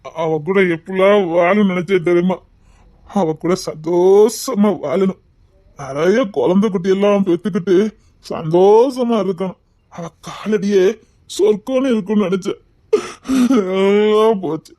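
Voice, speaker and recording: A woman's voice: mid-range voice, unhurried, mellow, natural voice. Woman playing heartbroken drunk young man, Tirunelveli accent, faltering, stammering, pleading. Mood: despairing. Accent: Tirunelveli Tamil. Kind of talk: amateur dramatic dialogue.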